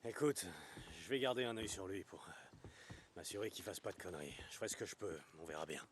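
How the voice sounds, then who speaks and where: An actor playing a gruff, blunt, sardonic drifter with a gravelly voice in a video game. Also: male voice, low voice, animated, fairly quick, background noise. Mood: low, concerned. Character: gruff, sardonic drifter biker, adult man.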